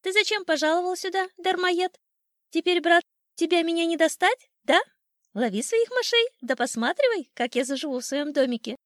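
Storybook critter: a cocky old cock sparrow, squeaky-high and bouncy, loud and teasing, voiced by a woman. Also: expressive, moderate pace, no room sound, clean studio sound. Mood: boastful chirpy. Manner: shrill, boastful and teasing.

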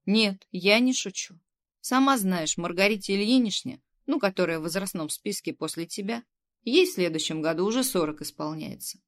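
A woman voicing a middle-aged female kindergarten head who is fussy, bossy and coaxing, with a gravelly edge. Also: medium pitch, close to an everyday voice. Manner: coaxing, bossy, quick to scold.

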